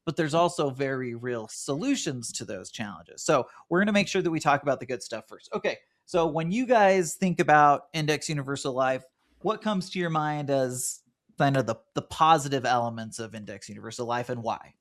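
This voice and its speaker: A man's voice: medium pitch, dry recording, clean studio sound. A man hosting a podcast, steering the discussion and affirming his co-host's points in a conversational way. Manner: guiding, affirming, quick back-and-forth. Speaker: podcast host.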